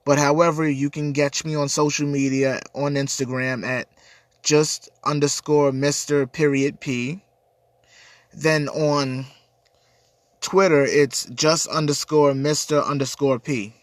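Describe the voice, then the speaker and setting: A livestream host with a cold talks in a congested, stuffy voice that is a little high, slow-paced, and fairly even in intonation. Answering viewer comments in casual chat, he rambles earnestly and repeats words. There is no echo.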